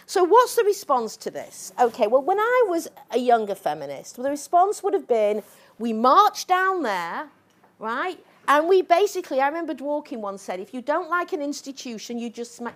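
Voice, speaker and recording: A middle-aged woman professor giving an impassioned lecture, combative and sarcastic, pressing her points with a constant "okay?" and "right?". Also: on the high side. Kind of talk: impassioned public talk.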